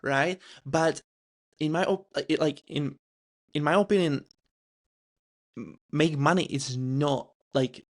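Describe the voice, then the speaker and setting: A man with a Czech accent hosts a casual interview, his voice sitting fairly high for a man. He talks in halting bursts, restarting sentences and leaning on fillers as he works toward his questions. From Czech Republic. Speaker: podcast host.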